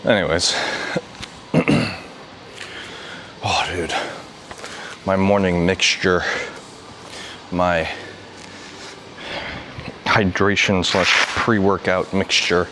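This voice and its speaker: A man's voice: low voice, fairly even intonation, very slow, pauses often. A man chatting casually to the camera between workout sets in a gym, rambling and laid-back, often saying "dude.". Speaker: vlogger. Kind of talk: casual workout vlog chat. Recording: noisy gym ambience.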